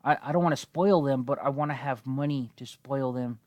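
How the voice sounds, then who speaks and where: Coming down with a cold, this twenty-something man hosts a gaming video, sounding slightly wheezy as he swears and rambles in relaxed commentary. His mid-range voice is a touch fast and a bit mellow, with no room sound.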